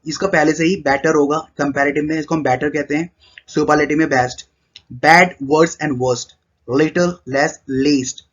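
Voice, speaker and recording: A man with a fairly high voice teaches a grammar lesson, switching between Hindi and English. He spells out the examples letter by letter and stretches them slowly, and the recording sounds muffled and lo-fi.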